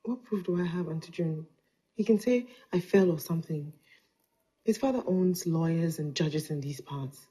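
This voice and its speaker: An actress playing a gentle, lovelorn young wife, earnest and subdued, in a naturalistic screen drama. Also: female voice, sits low, expressive, moderate pace, slightly rough. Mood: resigned, troubled.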